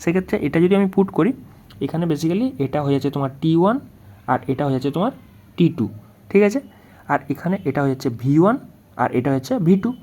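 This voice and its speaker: A man with a slightly high voice works through exam questions as a tutor. He explains each step and keeps asking the student what comes next. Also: lively intonation, fast, mellow. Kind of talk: worked-solution lesson.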